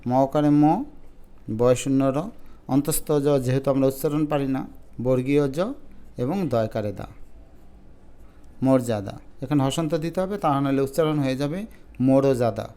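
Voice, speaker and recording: A man teaching an exam-prep lesson, pronouncing each word slowly syllable by syllable to model it. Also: medium pitch, mellow, clean tone. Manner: drawn-out slow syllables when modelling words.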